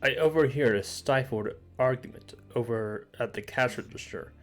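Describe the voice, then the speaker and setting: A man co-streamer reading game narration aloud in a plain, steady way. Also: mid-range voice, normal speed, faint music behind.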